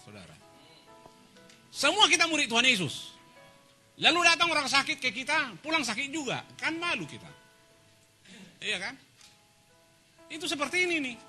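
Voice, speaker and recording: A man preaches with a very bright, forceful tone, his voice sitting a little high. He swings between loud bursts and soft asides, acting out voices as he goes. Soft music plays behind him. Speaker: pastor. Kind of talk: sermon.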